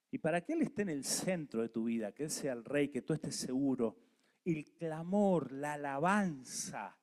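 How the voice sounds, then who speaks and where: A man preaching a sermon as pastor, animated, asking the congregation to repeat after him. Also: medium pitch.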